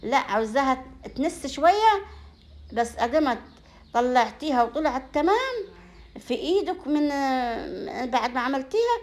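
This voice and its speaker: A high-pitched, expressive woman speaks at normal speed, leaving long pauses between phrases. She is a home vlogger with an Upper Egyptian Sa'idi Arabic accent, chatting informally with viewers and showering them with blessings and endearments in a folksy style.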